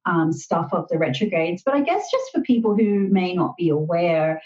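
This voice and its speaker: A woman's voice: lowish voice, animated, moderate pace, darkish tone, muffled recording. A woman with an Australian accent chatting casually and modestly as an interview guest. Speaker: podcast guest, astrologer.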